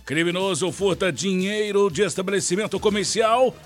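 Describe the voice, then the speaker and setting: A man's voice: high-pitched, moderate pace, faint music behind. A Brazilian man reading a scripted radio police-news bulletin as the reporter.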